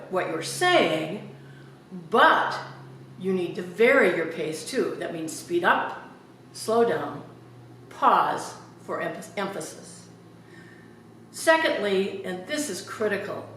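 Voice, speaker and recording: At a podium in a church hall, a woman with a mid-range, fairly bright voice demonstrates public speaking, carefully and deliberately enunciating each word. A distant camera picked her up, so the hall sounds very echoey and there is faint noise.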